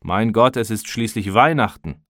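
A man reading an audiobook voices a stern but soft-hearted policeman. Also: fairly low pitch, normal speed, no room sound, studio quality.

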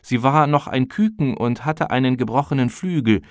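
A man's voice: mid-range voice, moderate pace, clean tone, dry recording, clean studio sound, voice pushed up, close to an everyday voice. A man reading an audiobook voices a shy, stammering Russian man who sounds embarrassed.

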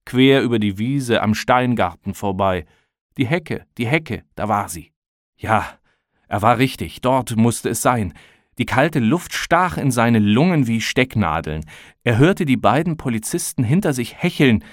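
A man calmly narrating an audiobook in a measured storytelling manner, close to the mic. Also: medium pitch, no room sound. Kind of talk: scripted narration.

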